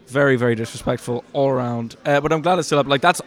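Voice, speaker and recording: Brief: male co-host, mid pitch, dry hesitant anecdote style. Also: quick pace, faint music behind. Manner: wry, hesitant storytelling with filler words. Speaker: podcast co-host. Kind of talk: casual chat.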